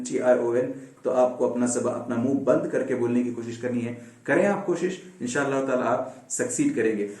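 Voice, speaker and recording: A man's voice: medium pitch, a little mellow, far from the mic. Man teaching pronunciation in an echoey room. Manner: patient, repeats words slowly to demonstrate. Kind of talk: classroom lesson. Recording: echoey room, speaking away from the mic.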